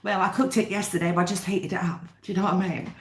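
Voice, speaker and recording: A woman with a British accent hosts a casual livestream, chatting to viewers while eating her dinner mukbang-style. Her voice is on the low side, steady in tone and fast. The room sounds echoey.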